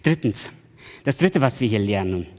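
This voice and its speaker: A man preaching a sermon in a church, swinging from loud emphatic peaks to soft pleading and slowly repeating a refrain. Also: lowish voice, animated. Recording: long hall reverb.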